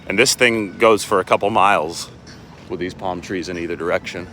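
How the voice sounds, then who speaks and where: A man's voice: deep voice, brisk, pushed and bright, slight background noise. A sports reporter chatting casually outdoors while walking with a handheld phone camera, rambling and often restarting his sentences. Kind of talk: casual live walking vlog. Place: outdoors on city streets and in a park.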